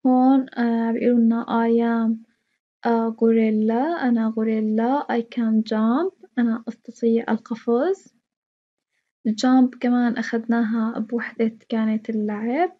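Levantine woman teaching English, slightly high. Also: fairly even intonation, moderate pace, highs cut off. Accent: Levantine Arabic. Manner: explains step by step, repeating English words with Arabic meanings and praising students. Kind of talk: classroom lesson explanation.

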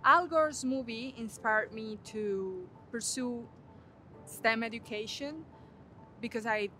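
A young woman who is a graduate student speaks deliberately in an outdoor interview. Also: fairly high pitch, bright, forceful tone, a little hiss or hum. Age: young adult. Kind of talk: interview testimonial. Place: outdoors on campus walkway.

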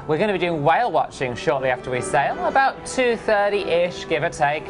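A man's voice: on the high side, expressive, moderate pace, music in the background, rough recording. A man in his thirties co-hosting a morning show with casual, playful banter. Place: ship atrium, at a presenting desk.

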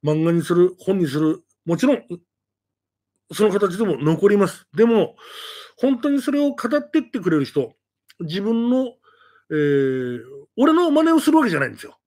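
A man who tells ghost stories, making an announcement to his audience in a lively monologue full of rhetorical questions. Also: sits high, normal speed.

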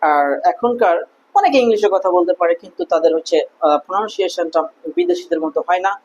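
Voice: mid-range voice, fast talker, darkish tone, lo-fi sound. An English pronunciation teacher giving a spoken lesson, patiently repeating each letter sound several times.

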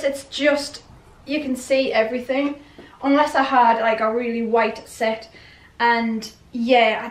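High-pitched chatty woman vlogger. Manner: chatty, rambling, self-questioning. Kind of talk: casual chatty clothing haul. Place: small bedroom, indoors. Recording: roomy bedroom echo.

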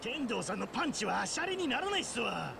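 An actor playing a timid, deferential street underling in a video game, with a Kansai accent. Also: male voice, very high-pitched, big pitch swings, fast talker, vocal fry, noisy background, exaggerated voice. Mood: nervous, deferential. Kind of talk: video game drama acting.

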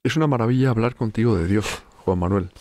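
A man's voice: on the low side, quick pace, darkish tone. A man with a Spanish accent hosting a casual interview, complimentary and conversational. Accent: Spanish (Spain). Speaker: host.

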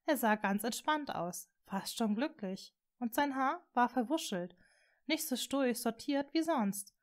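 A woman reading a fan fiction story aloud as an audiobook, in a calm, steady way. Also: fairly high pitch. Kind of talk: audiobook narration.

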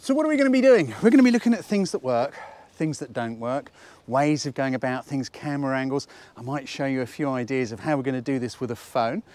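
A British man in his fifties with a squeaky voice from a cold, chatting casually and jokily as he teaches outdoors, often asking rhetorical questions. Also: fast, few pauses, darkish tone. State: has a cold. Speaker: photography instructor and presenter. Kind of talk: casual instructional talk to camera. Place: outdoors at a waterside harbour slipway.

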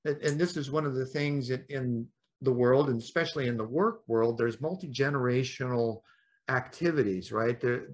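Middle-aged man, podcast host, relaxed, mid-pitched voice, video call sound. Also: normal speed. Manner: easygoing, asks long looping questions. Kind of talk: casual interview chat.

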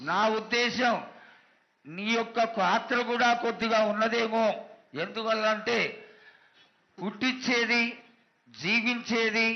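A man with a high-pitched voice makes a devotional petition as a priest. He is deferential and pleading, breaking his appeal into short halting phrases. The sound is dull and lo-fi. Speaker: priest questioning the oracle.

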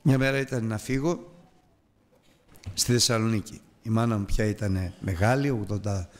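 A man's voice: lowish voice, fairly even intonation. An older man preaching a Bible lesson, telling a personal story and acting out the voices in it. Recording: long reverb from a large hall.

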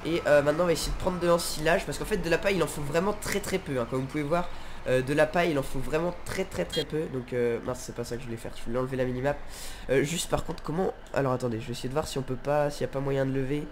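Stuffed up from a head cold, a man with a fairly high, nasal voice talks fast through hesitant, casual let's play commentary, thinking out loud as a gaming video host, with background noise present.

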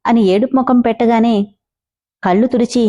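A woman's voice: a little high, fairly even intonation, normal speed, mellow. Woman narrating a heartfelt story. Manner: emotive storytelling.

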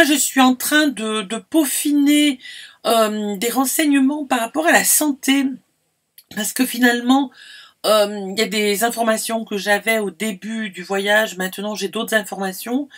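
A middle-aged French woman vlogging casually from inside her camper van, rambling with many fillers and restarts. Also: medium pitch. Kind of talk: casual chat to camera.

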